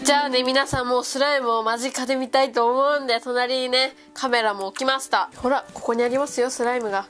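A young woman with a stuffy nose from a cold, chatting excitedly as she plays with slime at a table. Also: high-pitched, fast, hardly any pauses. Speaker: slime vlogger. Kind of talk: casual chat. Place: indoors at a table. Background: background music.

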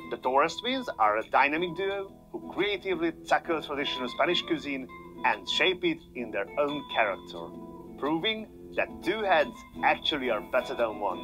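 A man narrates a fine-dining review in a measured, upbeat voice-over, and his pitch moves a lot from line to line. Guitar music plays clearly under him. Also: big pitch swings, poor audio. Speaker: food video narrator. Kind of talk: scripted narration. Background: background music.

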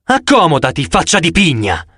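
A man voicing an angry, hot-tempered teenage girl in an audiobook, shouting and defiant. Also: fairly high pitch, huge pitch swings, normal speed, breathy edge, no room sound, studio quality, exaggerated voice. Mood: taunting. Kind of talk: audiobook character voice.

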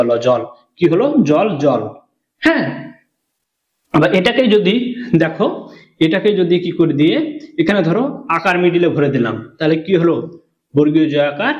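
Man, beginner reading teacher, slightly high voice, patient question-and-answer manner, echoey room, dull lo-fi sound. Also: darkish tone. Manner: slow and patient, asking questions then answering them.

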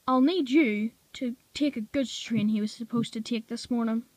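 A woman's voice: fairly high pitch, moderate pace, darkish tone, no echo, natural voice. A woman voicing a strict, portly male railway boss who gives firm, clipped orders in a slightly raised voice. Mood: stern.

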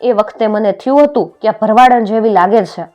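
A woman's voice: medium pitch, normal speed, darkish tone, natural voice. A woman voicing a young prince from a folk tale, an earnest husband who turns flustered when caught out. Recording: dull audio with faint music.

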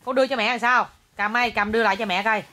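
A woman's voice: fairly high pitch, steady tone, rapid-fire, sharp tone. A young woman at home talking to her small child, coaxing and scolding as a mother. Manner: coaxing, scolding and exclaiming at a toddler. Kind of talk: casual home video.

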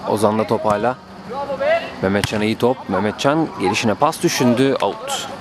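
A man doing live play-by-play football commentary, excitable, with calls that rise to drawn-out screams at goals. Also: a loud crowd. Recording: noisy outdoor pitch, background ambience.

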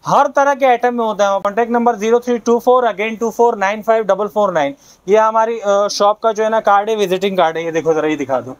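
A man with a Pakistani Urdu accent hosting a casual market vlog, eagerly chatting with shopkeepers inside a busy shopping mall. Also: high-pitched. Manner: quick, eager, repeats short approving words. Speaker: vlogger interviewing shopkeepers.

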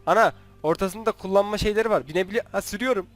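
A man's voice: high-pitched, very fast, no echo. A young man giving casual, jokey commentary while playing a video game, teasing the characters on screen. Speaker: gaming YouTuber. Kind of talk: casual Let's Play commentary.

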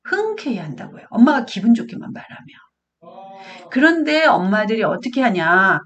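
A woman's voice: on the high side, very animated, moderate pace, a bit bright, muffled recording. A woman giving a parenting lecture, talking earnestly and straight to her listeners, now and then acting out what parents and children say. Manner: earnest, addresses audience directly, acts out parent and child quotes. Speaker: parenting educator.

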